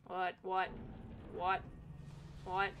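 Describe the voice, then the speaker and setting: A young woman streamer talks through her game with a bright, forceful voice. She is chatty and jokey, and she swears now and then. Faint noise and keyboard typing sit behind her. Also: lowish voice, completely flat delivery, drawn-out words, highs cut off. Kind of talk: casual let's-play commentary.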